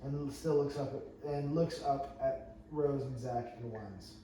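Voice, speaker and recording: Reading stage directions aloud at an amateur table read, a man speaks plainly and stumbles over some phrases, his medium-pitched voice warm and unhurried. The indoor room holds a few other readers, and the recording is noisy and echoey, taken from a distant mic.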